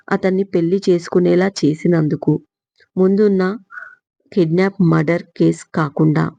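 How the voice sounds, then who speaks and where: Brief: narrator plays stern patriarch, cold ultimatum, dark tone, dull recording. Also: female voice, lowish voice, vocal fry, no echo. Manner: firm, threatening. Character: stern older man laying down legal threats.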